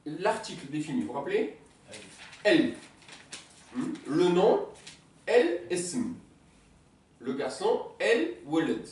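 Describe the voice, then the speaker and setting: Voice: medium pitch, very animated, a little mellow, a little hiss or hum. Patient teacher in a roomy classroom. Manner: patient, repeats words slowly, checks understanding. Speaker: Arabic teacher. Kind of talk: classroom lesson. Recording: roomy sound from a distant mic.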